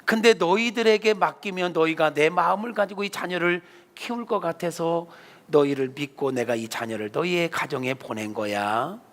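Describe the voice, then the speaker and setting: God speaks low, soft and fatherly to a grieving man, as a pastor puts him on during a sermon. The voice drops well below the preacher's usual bright tone and stays quiet, unhurried and tender. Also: expressive. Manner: gentle, slow and fatherly.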